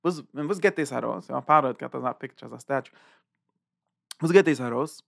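A man's voice: mid-range voice, a little fast, vocal fry, a bit bright, no echo, clean studio sound. A man teaching a Torah lecture, thinking aloud and searching for words as he explains. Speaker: religious teacher.

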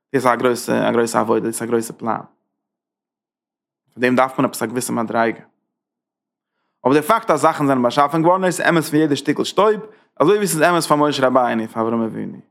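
A man's voice: mid-range voice, creaky, a bit bright. A man teaching a Torah class as a rabbi, driving his points with rhetorical questions and emphatic repetition. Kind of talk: Torah lecture.

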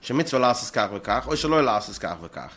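A man in a religious law study session, reasoning aloud in a halting way and repeating words as he thinks. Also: mid-range voice, sing-song, a bit bright, husky. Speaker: study partner. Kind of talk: religious text study discussion.

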